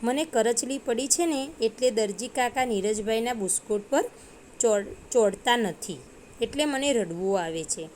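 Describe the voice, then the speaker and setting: A woman's voice: on the high side, measured pace, a little mellow, a little hiss or hum, lightly acted. A woman voicing a small, eager cloth pocket in a children's story, speaking in a sweet, pleading way.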